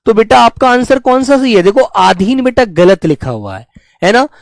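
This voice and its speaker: A man's voice: extremely high pitch, lively intonation, normal speed, creaky, dry recording. A man teaching an online spelling lesson to exam students, talking in a coaxing, repetitive teacherly way.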